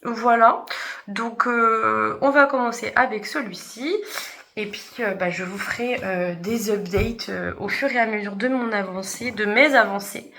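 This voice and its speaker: A woman's voice: a little high, measured pace, a bit bright. A young woman chatting casually in a book vlog, hesitant with many fillers. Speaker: book vlogger.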